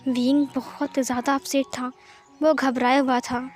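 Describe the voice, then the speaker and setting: A woman narrating a story in a brisk, plain manner. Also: high-pitched, level tone, darkish tone, soft background music.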